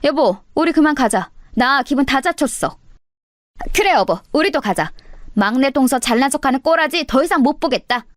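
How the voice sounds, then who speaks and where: A snobbish middle-aged sister-in-law with a high, sneering, sarcastic voice, put on by a woman storyteller. She sounds dry and up close, as in a storybook reading. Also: animated, moderate pace, no echo. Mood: indignant.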